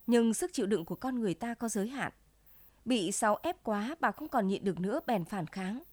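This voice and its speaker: A woman narrating a short story for a radio broadcast in a steady storytelling manner. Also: a little fast, no room sound. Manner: steady storytelling, voices dialogue with raised pitch. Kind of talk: scripted narration.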